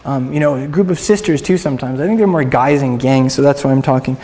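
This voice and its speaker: A man's voice: mid-range voice, quick pace, dark tone, big-room sound. A man giving a casual, interactive Bible teaching to a group in a room. He talks in a chatty, upbeat way with lots of fillers and has the room repeat words after him.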